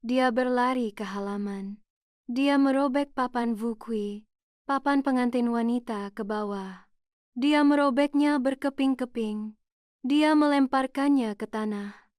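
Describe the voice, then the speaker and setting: Woman narrator, sorrowful first-person story, very slow pace, dry close sound. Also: on the high side, darkish tone, no room sound.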